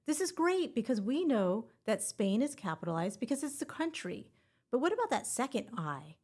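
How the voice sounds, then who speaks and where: A woman's voice: on the high side, very animated, normal speed, a little mellow. A woman hosting a scripted exam-prep podcast and teaching grammar in a playful, upbeat way with puns.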